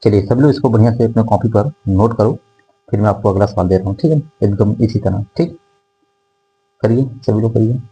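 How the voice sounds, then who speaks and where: Faint music sits behind a low-quality recording of a male math teacher with a mellow, fairly low voice. Standing at the whiteboard, he walks the class through decimals, calling out numbers digit by digit and checking in with "theek hai" over and over.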